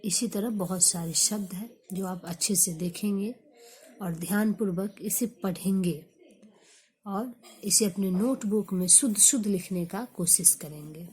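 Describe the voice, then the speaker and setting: A woman teaching a grammar lesson, slowly repeating example sentences for her students. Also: medium pitch, a little mellow.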